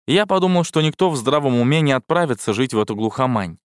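A man narrates a science fiction audiobook in first person, with a wry, sardonic edge. His pitch sits in a middle range. He was recorded on a close studio mic in a dry, dead room. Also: expressive, quick pace, clear, resonant tone, no echo.

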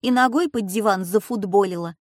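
A woman voicing a lively, teasing schoolgirl granddaughter in a storybook reading. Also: medium pitch, no echo, studio quality, natural voice. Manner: quick, teasing and bright.

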